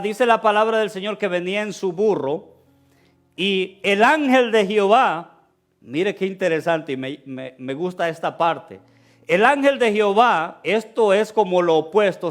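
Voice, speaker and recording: High-voiced man preaching a sermon. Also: fairly bright tone. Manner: preaching, addresses listeners as "hermano"; acts out quoted characters in dialogue. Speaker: pastor.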